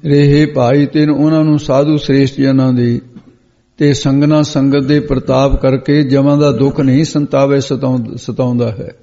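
A man's voice: medium pitch, little pitch movement, normal speed, mellow. Man preaching in a dull, echoing hall. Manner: glosses each word, repeats phrases, corrects pronunciation. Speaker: preacher explaining scripture. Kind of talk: line-by-line scripture exposition sermon. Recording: dull lo-fi sound with long hall reverb.

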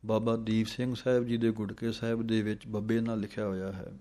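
A man teaching scripture recitation. He chants verses slowly, then explains pronunciation in quicker speech. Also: fairly low pitch, little pitch movement, warm tone.

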